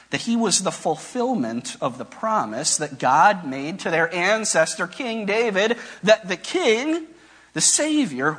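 Pastor, male, husky tone, lively pitch, unhurried conversational sermon delivery. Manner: conversational, reflective preaching with rhetorical questions.

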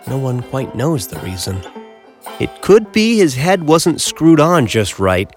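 A man reads a rhyming children's storybook aloud in a warmly paced, sing-song voice. His pitch rises and falls widely as he plays up repeated words, and festive music with jingle bells plays clearly behind him. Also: measured pace. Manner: expressive, sing-song rhyming delivery with playful repetitions. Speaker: storybook narrator. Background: background music with jingle bells.

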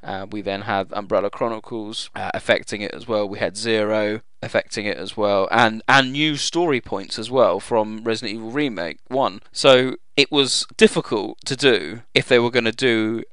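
A man's voice: on the low side, normal speed, hardly any pauses, a bit bright, clear, resonant tone, no echo. A man hosting a casual group chat, talking informally and jokily into a close microphone. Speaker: quiz host and podcast panellist.

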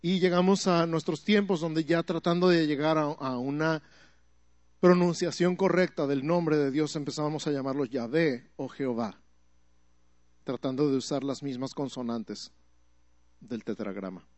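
A man's voice: on the high side, measured pace, a little mellow, no room sound. A man preaching a sermon in a teaching manner, asking the listeners questions and building up emphatic repeated phrases. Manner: rises to emphatic repetition.

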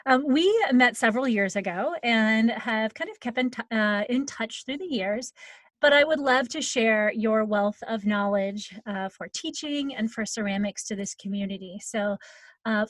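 A woman's voice: fairly high pitch, no echo. A woman hosting a podcast for teachers and interviewing a guest in a conversational way. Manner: warm conversational questioning with fillers. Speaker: podcast host.

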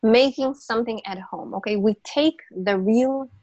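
Speaking at a moderate pace, this woman has a slightly high, darkish voice, recorded with no room sound and the highs cut off. English isn't her first language; as a health coach guesting on a podcast, she talks through nutrition in a relaxed interview, repeating herself emphatically, restarting often and using plenty of fillers.

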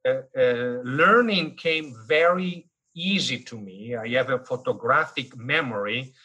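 A man in his fifties from northern Italy with an Italian accent, telling stories as an interview guest in an animated, joking way with many fillers. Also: medium pitch, breathy edge, low-quality recording. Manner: animated, jokey storyteller with frequent fillers. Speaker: guest, business school dean. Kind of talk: casual interview storytelling.

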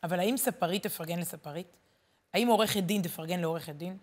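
A woman who teaches and works as a journalist, giving a lively, emphatic Torah lesson and repeating words as she searches for them. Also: on the low side.

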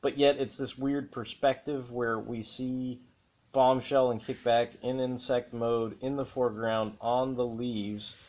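A man with a medium-pitched voice chats casually as a co-host. He thinks aloud haltingly and doubles back on words. The sound is slightly muffled and lo-fi. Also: fairly even intonation, darkish tone. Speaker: podcast co-host. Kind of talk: casual fan chat. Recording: dull lo-fi audio.

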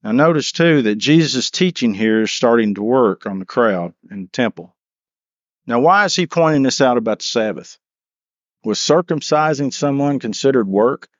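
A man's voice: medium pitch, no room sound, muffled recording. A man leading a church Bible class, reading scripture and then explaining it, often restarting and repeating words as he asks the class questions.

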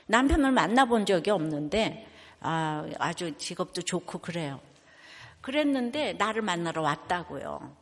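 A woman's voice: lowish voice, very animated, moderate pace. Older woman pastor preaching in a reverberant hall. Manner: chatty storytelling, asks the congregation questions. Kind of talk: sermon. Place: church sanctuary.

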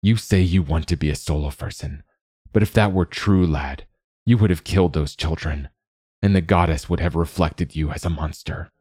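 A man voicing a gentle, wise older male guide who speaks slowly and in a fatherly way. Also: low voice, breathy edge, no room sound, clean studio sound. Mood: firm. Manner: slow, fatherly, calls the youth lad.

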